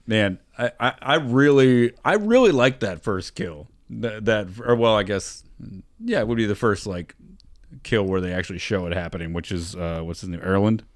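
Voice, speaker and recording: A man's voice: fairly low pitch, lively intonation, moderate pace. A man hosting a casual podcast chat, joking and steering the conversation along. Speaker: podcast host.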